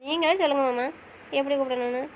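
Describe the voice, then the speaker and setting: Actress as a young newlywed wife, high and fast-talking, affectionate and pleading, romantic audio drama. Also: female voice, fairly even intonation, a little hiss or hum, lightly acted.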